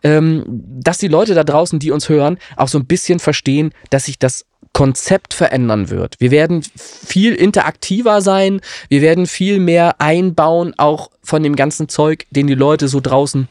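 A man's voice: on the high side, normal speed, hardly any pauses, a little mellow, no room sound. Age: adult. Sex: man. Role: podcast host. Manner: enthusiastic, slangy. Sound: dry. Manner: enthusiastic, colloquial, with many fillers. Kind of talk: casual music podcast chat.

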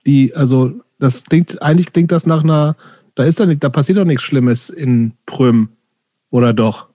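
A man hosting a casual interview, asking relaxed, steering questions. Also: medium pitch, moderate pace, no room sound, studio quality. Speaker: podcast host.

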